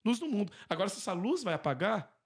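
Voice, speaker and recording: Brazilian priest telling animated stories. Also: male voice, high voice, fast. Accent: Brazilian Portuguese. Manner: animated, acts out dialogue in quoted voices. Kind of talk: conversational storytelling in an interview.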